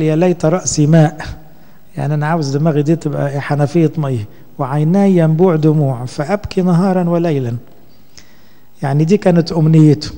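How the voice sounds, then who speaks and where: A man with an Egyptian Arabic accent, a priest giving a conversational sermon and slowing down when he quotes scripture. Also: fairly high pitch, mellow, in a large hall. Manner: conversational preaching, slow when quoting scripture.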